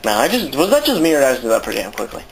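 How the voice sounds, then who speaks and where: A man's voice: medium pitch, wildly swooping pitch, rapid-fire, background noise. A man with a sore throat giving rambling, casual commentary while playing a video game, swearing often. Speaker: let's play commentator.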